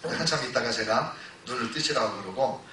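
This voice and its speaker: Bright-voiced pastor preaching in a hall. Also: male voice, medium pitch, expressive, a little fast, slight background noise. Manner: storytelling, swings from loud exclamations to hushed retelling. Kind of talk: sermon. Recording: echoey church hall, voice from a distance.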